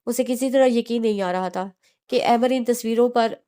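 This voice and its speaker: A woman's voice: on the high side, normal speed, dark tone, smooth. A woman narrating a romance novel as an audiobook, reading steadily with small restarts.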